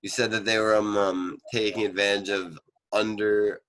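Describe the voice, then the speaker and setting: A man's voice: on the low side, flat delivery, moderate pace, fairly bright tone, low-quality recording. A young man hosting a casual podcast, rambling and joking, often stumbling over his words. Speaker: podcast host. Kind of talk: casual chat.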